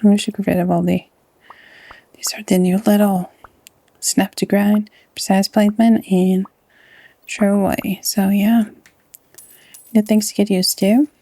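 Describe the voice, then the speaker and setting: A woman with a Norwegian accent hosting a casual let's-play, chatty and often dropping into a soft half-whisper. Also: mid-range voice, flat delivery, a little slow, pauses often, no echo. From Norway. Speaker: gaming channel host.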